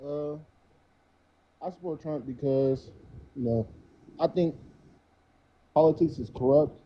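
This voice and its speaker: A man's voice: a little high, takes it slowly, slight background noise. A 21-year-old man calling in, hesitant and full of fillers, his mic so muffled he sounds like he is talking through a wall. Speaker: call-in guest. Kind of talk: casual debate over a call. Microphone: muffled remote call mic.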